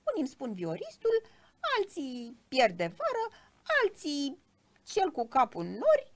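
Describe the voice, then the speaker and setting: A proud little cricket fiddler, put on by a woman reading a storybook, speaks in a high, squeaky, slightly hoarse voice. He declaims loudly and takes offense easily, his pitch leaping around with lively swings. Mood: declaiming. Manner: indignant, declaiming. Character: tiny male cricket fiddler, proud and touchy.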